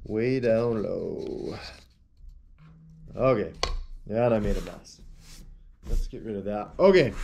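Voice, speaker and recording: Handling a shaker and a tub of protein powder, a man in his forties gives a loose, rambling review at his desk, the camera framing him wide. His mid-range voice is a little mellow, and there's slight background noise in the small room full of supplement shelves.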